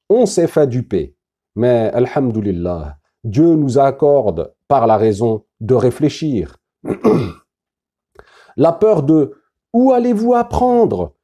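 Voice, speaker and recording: A man's voice run through a pitch-shifting disguise, so it sounds very dark and unnatural. He reads his anonymous testimony slowly, and his tone is grave, accusing and measured. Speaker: anonymous witness. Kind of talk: read-out written testimony.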